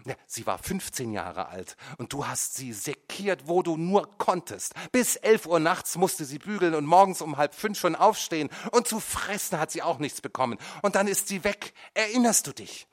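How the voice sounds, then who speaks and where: A man reading an audiobook, voicing a hot-tempered teenage boy who shouts bitter accusations at his mother. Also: mid-range voice, very animated, measured pace, hardly any pauses, breathy edge, heavily acted. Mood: furious.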